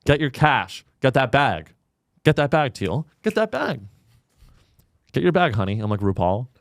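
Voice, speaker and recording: A man hosting a podcast, joking crudely and sarcastically in casual chat, often jumping into a high mocking pitch. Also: big pitch swings, normal speed, no echo, studio quality. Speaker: podcast host.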